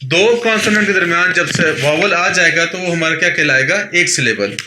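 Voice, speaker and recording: A man's voice: high-pitched, sharp tone. A man with a Pakistani Urdu accent teaching an English grammar lesson, patiently repeating points and checking that his students follow. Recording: echoey room with faint noise.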